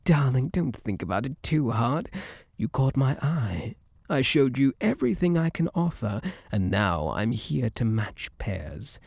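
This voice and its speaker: A man's voice: medium pitch, big pitch swings, unhurried, vocal fry, a little mellow, breathy edge, dry recording, exaggerated voice. A man playing a suave, possessive luck spirit in an ASMR roleplay, flirtatious and theatrical, teasing and coaxing with pet names, close on the mic. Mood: amorous, insistent.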